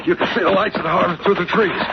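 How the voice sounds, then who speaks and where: A man's voice: high-pitched, steady tone, rapid-fire. A man playing a terse, take-charge American adventurer captain in a 1940s radio serial. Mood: urgent. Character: brisk, commanding, impatient male adventurer captain. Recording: muffled, very noisy 1940s radio recording.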